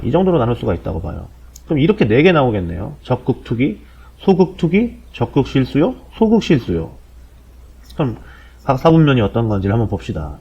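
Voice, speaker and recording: A man of about forty hosts an explainer show, delivering casual commentary over dull, low-bitrate audio. He speaks fast with lively pitch swings, and his manner is colloquial and irreverent, often asking rhetorical questions as he explains.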